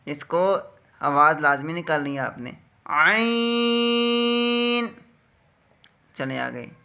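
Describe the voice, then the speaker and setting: This is a slow, step-by-step recitation lesson in which a man from Pakistan, speaking with a Pakistani Urdu accent, patiently teaches how to read Quran letters and stretches out every sound. His fairly high voice comes across as bright and pushed.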